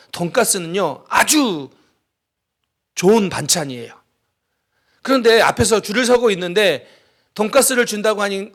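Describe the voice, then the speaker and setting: Middle-aged man, pastor, sermon, high voice, slow dramatic pauses, storytelling.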